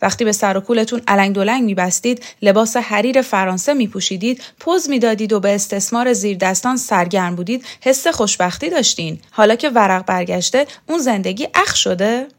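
A woman's voice: mid-range voice, few pauses, lightly acted. A woman reading a novel aloud, voicing a young man who lectures in a scornful, preachy way. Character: sharp-tongued young male student, lecturing and scornful.

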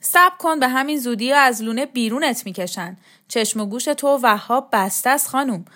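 A bitter, restless young man lectures with a sardonic edge, as a woman reader voices him. Her own mid-pitched voice barely changes for him. It is an audio storybook. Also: natural voice. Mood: urgent warning.

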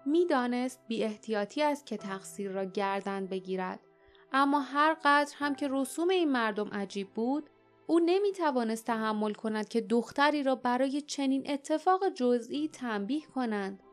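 A woman narrating a storybook with steady, expressive storytelling. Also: a little high, soft background music. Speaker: audiobook narrator. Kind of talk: scripted narration.

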